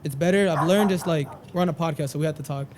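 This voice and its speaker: A man's voice: fairly high pitch, quick pace, background noise. A young man as a podcast guest, chatting casually and emphatically, with lots of bro and swearing. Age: young adult. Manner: emphatic bro-heavy talk with frequent swearing.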